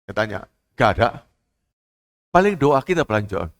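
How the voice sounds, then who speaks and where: A man preaching a church sermon, acting out prayers and voices with sudden rises in pitch. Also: very animated, moderate pace. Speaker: pastor. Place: church service.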